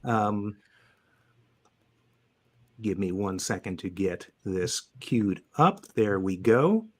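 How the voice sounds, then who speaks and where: A man's voice: fairly low pitch, animated, slow, husky. A man hosting a live data visualization webcast, upbeat and joking as he introduces his co-hosts and guests. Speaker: podcast host.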